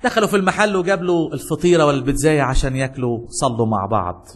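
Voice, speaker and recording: An Egyptian man preaches to his congregation with a husky, slightly breathy voice. He sits a little high for a man and keeps throwing questions out to the room. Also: rapid-fire. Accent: Egyptian Arabic. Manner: animated, calls out questions to the congregation. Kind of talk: sermon with storytelling.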